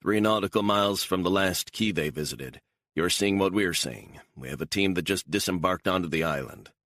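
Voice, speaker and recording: A man voicing a gruff intelligence officer who speaks bluntly and matter-of-factly. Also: deep voice, moderate pace, a bit bright, dry recording, studio quality.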